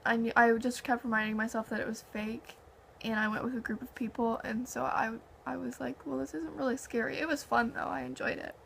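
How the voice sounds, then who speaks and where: A woman's voice: on the high side, a little fast, gravelly, slight background noise. A young woman in casual chat, telling stories in a conversational way and acting out quoted dialogue. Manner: animated anecdotes with heavy filler "like" and quoted dialogue.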